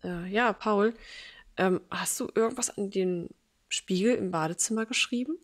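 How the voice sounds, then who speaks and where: A woman's voice: mid-range voice, moderate pace, lightly acted. Woman reading an apologetic, hesitant young man. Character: young adult man, polite and awkward.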